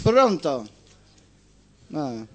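A radio host who chats easily, then reads a story aloud on a call-in show from a studio. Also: male voice, on the high side, sing-song, extremely slow. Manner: easygoing, chatty lead-ins before reading.

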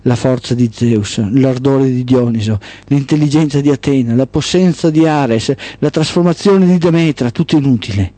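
A man's voice: medium pitch, moderate pace, few pauses, mellow, no echo. A man narrating a dramatic mythic story in the first person, with solemn, rhythmic, repetitive phrasing.

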